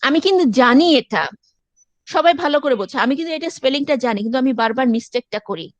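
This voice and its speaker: Woman lecturer, high voice, dry close sound, step-by-step teaching with English asides. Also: animated, fast talker, no room sound. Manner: explains step by step, mixing in English phrases. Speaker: university lecturer. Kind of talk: classroom lecture.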